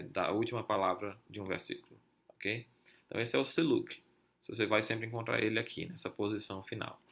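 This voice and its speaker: In Brazilian Portuguese, a man with a lowish, gravelly, slightly bright voice teaches a podcast lesson on Hebrew accents over a text. He explains step by step, uses many filler sounds and keeps asking listeners "certo?"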